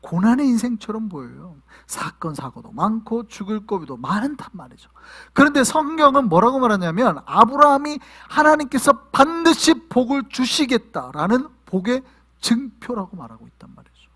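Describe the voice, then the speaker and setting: A male pastor preaching a sermon to his congregation, asking them questions and sometimes shouting. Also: extremely high pitch, very animated, normal speed, slightly rough. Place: church in New York.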